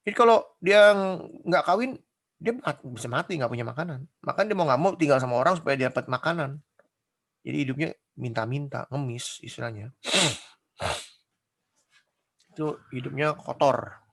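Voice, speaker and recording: A man's voice: medium pitch, creaky, fairly bright tone. A man giving a casual sermon in speech, chatty and conversational, full of rhetorical questions and acted-out quotes. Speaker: preacher.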